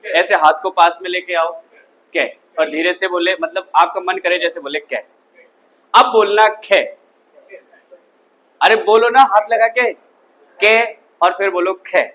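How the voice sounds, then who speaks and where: Man, classroom teacher, bright tone, call-and-response quizzing. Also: sits high, rough recording. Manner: drills students with call-and-response questions. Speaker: Hindi grammar teacher. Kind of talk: classroom lecture.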